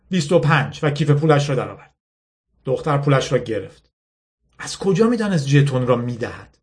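A man reading a novel aloud, voicing the dialogue with a lifted pitch and sometimes pausing to explain a term. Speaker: narrator.

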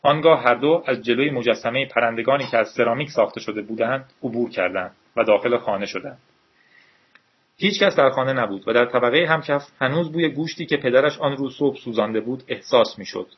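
Husky man reading a novel aloud. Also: medium pitch. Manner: steady, measured storytelling. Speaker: audiobook narrator. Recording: dull lo-fi recording.

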